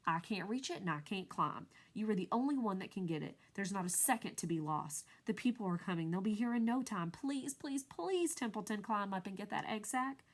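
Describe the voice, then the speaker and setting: A woman voicing a young male pig who is earnest and easily panicked, reading a storybook aloud with a high, pleading tone. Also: animated, fairly quick, few pauses, natural voice. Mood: frantic.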